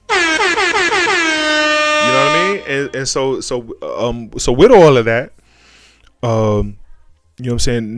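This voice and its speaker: A man's voice: medium pitch, fairly bright tone. An American man hosting a casual, opinionated commentary show, talking in slang and repeating phrases for emphasis.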